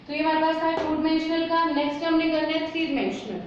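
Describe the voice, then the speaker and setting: Woman teacher, high voice, asks and answers her own questions, echoey room, slightly muffled recording. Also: little pitch movement, quick pace, noisy background. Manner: asks rhetorical questions and answers them herself, repetitive; mixes English terms into Hindi explanation. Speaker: chemistry teacher. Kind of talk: whiteboard lesson.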